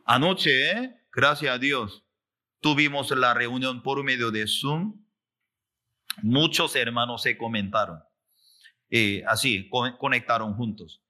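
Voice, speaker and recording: A male pastor preaching a sermon slowly and emphatically, repeating phrases, calling for responses and acting out quoted voices. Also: bright, forceful tone. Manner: slow, emphatic preaching with repetition and call-and-response; acts out quoted voices with big pitch jumps.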